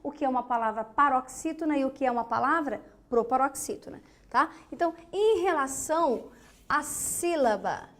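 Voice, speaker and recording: A woman's voice: high-pitched, lively intonation, normal speed, a bit bright. A woman teaching a grammar lesson, patiently repeating key words and asking and answering her own questions.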